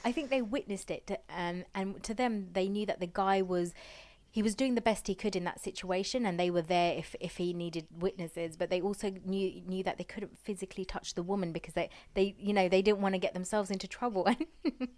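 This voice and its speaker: A woman's voice: mid-range voice, a little fast, darkish tone. A young woman telling a story in a casual, rambling way, with lots of fillers and restarts. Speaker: podcast host.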